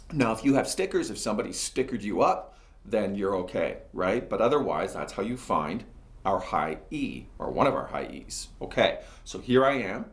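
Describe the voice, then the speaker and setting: A man's voice: medium pitch, echoey room. A man teaching a cello lesson, chatting casually as he talks through each step while he plays.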